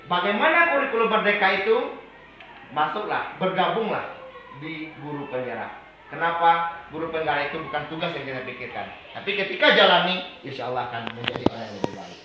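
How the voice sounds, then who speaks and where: A man presenting to fellow teachers, animated, switching between loud scolding lines and low calm asides. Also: moderate pace, distant mic, a little hiss or hum. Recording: very echoey room, voice from off-mic.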